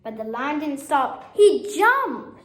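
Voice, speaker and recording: A woman's voice: high voice, very animated, takes it slowly, fairly bright tone. A woman storyteller reading a children's picture book aloud. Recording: echoey room.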